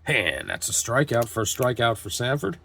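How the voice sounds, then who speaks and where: A man still shaking off a cold calls a tabletop baseball game with a mid-range, breathy-edged voice at normal speed. Like a broadcaster, he steadily reads the lineups and narrates each play of the dice game.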